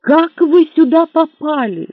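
A man voicing a flustered, hapless young gentleman who talks eagerly and stammers when pressed. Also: high-pitched, very animated, normal speed, dry recording, pitched above the performer's own voice. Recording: dry, tinny narrow-band audio.

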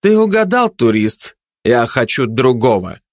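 A scheming male dog in a storybook who mocks the others, voiced by a man. He talks with a smirking irony. His pitch moves in a lively way on a dry, close voice. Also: measured pace, no echo. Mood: ironic. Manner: ironic, smirking.

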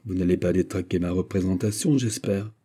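Casting: man playing an arrogant prince for an audiobook, commanding, with a low, dark, husky voice. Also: fairly quick. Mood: lordly. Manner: lordly and commanding. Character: haughty, domineering man, a prince. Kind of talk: audiobook character reading.

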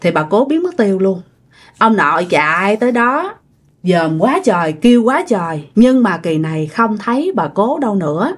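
A woman's voice: mid-range voice, big pitch swings, moderate pace. A woman with a Southern Vietnamese accent telling a ghost story in a casual, chatty way, speaking directly to her listeners. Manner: chatty, addresses listeners directly, many tag particles.

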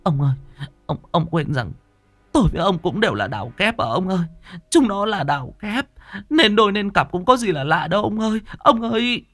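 High, wailing middle-aged wife and ex-actress, begging and protesting, as a male narrator puts her on. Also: sing-song, fairly quick, fairly bright tone, exaggerated voice. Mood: pleading.

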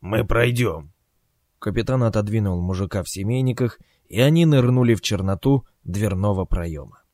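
A man narrating a story in an ironic, expressive way, as an audiobook. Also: lowish voice, a little fast, dry recording, clean studio sound.

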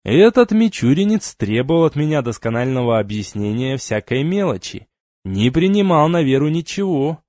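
A man's voice: mid-range voice, very animated, moderate pace, a little mellow, dry recording, clean studio sound. A man narrating a fantasy audiobook in first person, with wry, colloquial storytelling and slang.

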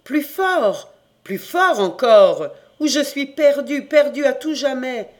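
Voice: medium pitch, expressive, unhurried, a little mellow, close to an everyday voice. A reader voicing a dead son crying out. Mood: urgent crying out. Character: dead young man risen from his grave, insistent.

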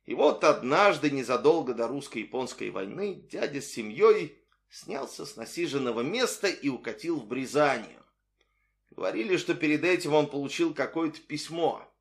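A man reading a novel aloud in expressive storytelling narration. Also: fairly high pitch, normal speed, creaky. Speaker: audiobook narrator. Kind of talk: scripted narration.

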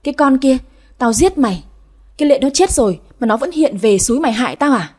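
A woman playing a shrill scheming young wife. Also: expressive, fairly quick, a little mellow, husky. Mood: frantic. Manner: shrieking, frantic, accusing.

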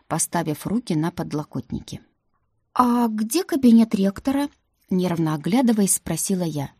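A woman reading a first-person fantasy audiobook in an even, expressive way. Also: on the low side, husky, dry recording, clean studio sound. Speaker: audiobook narrator.

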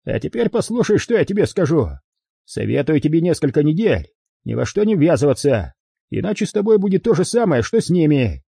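A man's voice: a little high, big pitch swings, fairly quick, creaky, dark tone, husky, dry recording, studio quality, pitched above the performer's own voice, full character voice. A man voicing a ruthless middle-aged London gang boss who snarls his threats. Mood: snarling, threatening. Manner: snarling, menacing.

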